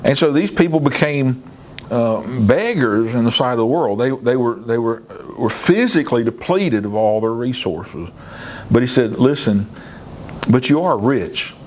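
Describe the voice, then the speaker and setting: A man's voice: mid-range voice, expressive, unhurried, darkish tone, a little hiss or hum. A man pastor teaching a Bible lesson in a sermon style, earnest, often repeating words as he starts a phrase and lifting his voice to stress a point. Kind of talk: sermon teaching through scripture.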